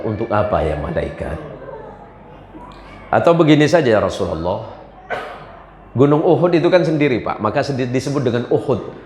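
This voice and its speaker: A man, preaching a humorous sermon and telling stories at a mosque gathering. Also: background noise. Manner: lively storytelling, swings between low asides and raised exhortations. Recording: echoey hall with long reverb, faint ambience.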